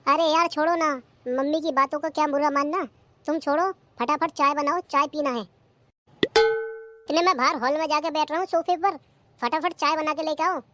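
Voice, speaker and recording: A performer doing a whiny idle young husband, squeaky. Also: male voice, steady tone, normal speed, pushed and bright, a little hiss or hum. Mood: impatient. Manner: demanding, whiny complaints about timing. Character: idle young husband and son, demanding and lazy. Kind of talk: cartoon comedy skit.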